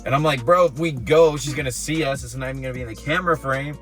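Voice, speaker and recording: Young man, casual vlog chat, bright tone, swears a lot, faint music behind. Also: mid-range voice. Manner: animated, swears a lot, fast slangy. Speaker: vlog co-host. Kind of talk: casual storytelling.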